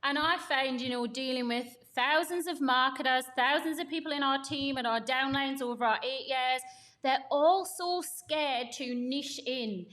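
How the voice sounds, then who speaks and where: Woman co-host, high voice, emphatic casual explainer on marketing. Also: a little slow, fairly bright tone. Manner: emphatic, talks in long runs with examples. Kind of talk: casual podcast chat on marketing.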